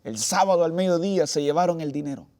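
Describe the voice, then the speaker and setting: A man's voice: fairly high pitch, fast, warm tone, close to an everyday voice. Man playing a blunt, stern male boss. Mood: accusing.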